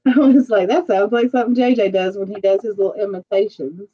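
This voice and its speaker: A woman's voice: mid-range voice, fairly even intonation. Chatty woman on a muffled stream. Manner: chatty, rambling, quick to laugh. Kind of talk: casual live-stream chat.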